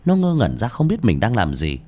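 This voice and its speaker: A man giving dramatic, expressive scripted narration of a horror story. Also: lowish voice, a little fast. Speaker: audiobook narrator.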